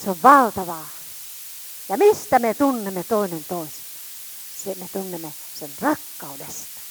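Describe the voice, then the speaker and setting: A woman preaching a sermon, fervent, calling out to her congregation and swinging between loud shouts and quiet asides. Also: mid-range voice, expressive, a little hiss or hum, rough recording.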